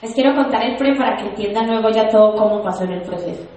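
A young woman giving an animated, emphatic motivational testimony to an audience, telling her story. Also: mid-range voice, fast talker, dull audio. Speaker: network marketing speaker. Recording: echoey hall.

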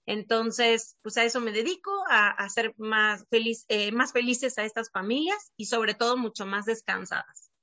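A woman's voice: fairly high pitch, steady tone, moderate pace, sharp tone, dry recording. A woman from Argentina, a child sleep coach, talking earnestly as a podcast guest and filling her speech with little filler words. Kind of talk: casual interview chat. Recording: dull lo-fi dry sound.

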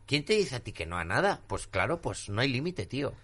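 Animated guy chatting. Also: mid-range voice, brisk. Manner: animated, laughing, crude slang. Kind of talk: casual comedic chat.

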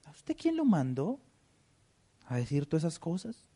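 A man preaching a sermon, animated and acting out the voices of the people he quotes. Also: on the high side, moderate pace. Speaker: pastor.

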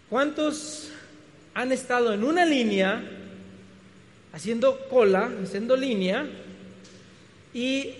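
A man preaching a sermon, animated and full of rhetorical questions, often restarting his words. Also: very high-pitched. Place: church hall. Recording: reverberant hall.

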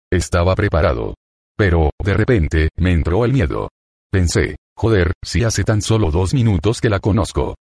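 A man's voice: low-pitched, darkish tone, no room sound, clean studio sound. A man reading a first-person book aloud, in a colloquial, swearing storyteller manner. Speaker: audiobook reader.

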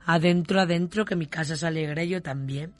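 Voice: mid-range voice, brisk, dry recording, faint music behind, natural voice. A storyteller voicing a tidy little mouse. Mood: sing-song. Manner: sing-song storybook reading. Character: tidy young female mouse, house-proud.

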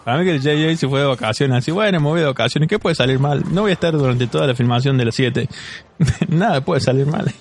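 Loud playful Argentine man, faint hiss. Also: medium pitch, fast talker. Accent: Argentine Spanish. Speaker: podcast co-host. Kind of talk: casual podcast chat.

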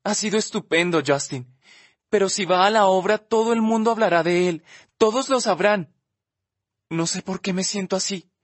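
A man's voice: normal speed, no room sound, natural voice. Man doing a tearful teenage girl. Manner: raised girlish pitch, sobbing and pleading. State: crying. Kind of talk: audiobook character voice.

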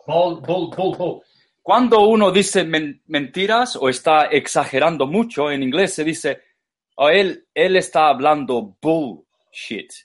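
A man whose first language is English, lecturing slowly in a second language, repeating words and searching for terms as he explains. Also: on the high side, expressive.

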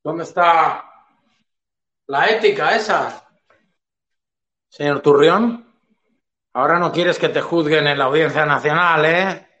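A man's voice: a little high, slow pace, pauses often, pushed and bright, echoey room, dull audio. A man hosting a political commentary livestream, talking in a sarcastic, mocking way and addressing his target directly. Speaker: stream host.

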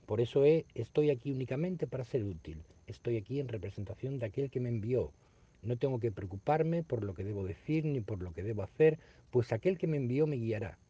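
A man, reading a spiritual text aloud and explaining it in an unhurried, reflective way that repeats phrases. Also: mid-range voice, dark tone, husky. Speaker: spiritual study teacher. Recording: dull lo-fi recording.

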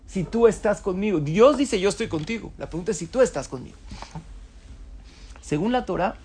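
A man's voice: high-pitched, lively intonation, normal speed, darkish tone, slight background noise. A man giving a Torah lecture, throwing rhetorical questions at his audience and answering them himself. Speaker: rabbi lecturer.

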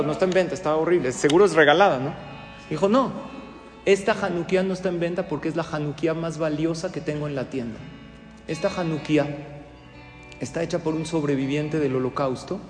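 A man telling a story as a sermon, acting out the characters' dialogue with lively emphasis. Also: a little high, brisk. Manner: animated storyteller, acts out dialogue. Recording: echoey hall with soft guitar music.

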